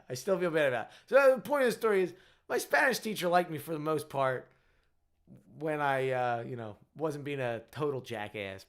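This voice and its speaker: A young man with a Delco accent chats with his viewers and tells them he is tired. He rambles and jokes at his own expense. His voice is clear and smooth and sits a little high. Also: a bit bright. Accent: Delco, Delaware County, Pennsylvania. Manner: rambling, self-deprecating, joking. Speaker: rideshare driver and channel host. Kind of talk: casual chat with live viewers.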